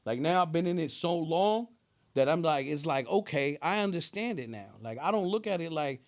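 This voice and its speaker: A man's voice: a little high, expressive, normal speed. A man speaks with a New Jersey accent in a casual interview. He sounds like a rapper talking shop, heavy on street slang. His phrasing is emphatic, with repeated tags that check for agreement.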